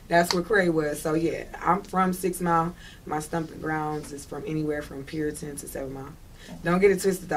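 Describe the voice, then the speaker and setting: A woman from Detroit, United States, with a low voice and a Detroit accent chats casually as an interview guest. She talks in an emphatic, slangy way and often checks that the listener is following. A slight hiss or hum sits under the audio.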